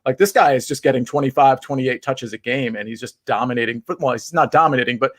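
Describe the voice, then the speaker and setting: A man's voice: medium pitch, quick pace. A man co-hosting a sports betting podcast, giving wry, rambling analysis full of fillers. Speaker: podcast co-host. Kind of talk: casual sports betting chat.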